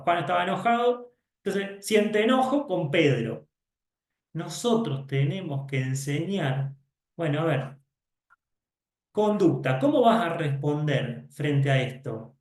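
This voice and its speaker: Male psychologist, lecture delivery with acted-out exchanges; slightly high voice, roomy echo. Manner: explanatory, acts out dialogues, self-corrects. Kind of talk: conference lecture.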